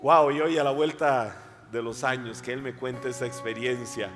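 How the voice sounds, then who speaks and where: A man with a Costa Rican accent, a pastor preaching a slow, emphatic sermon that swells loud and high. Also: steady tone, in a large hall. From Costa Rica. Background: soft instrumental music.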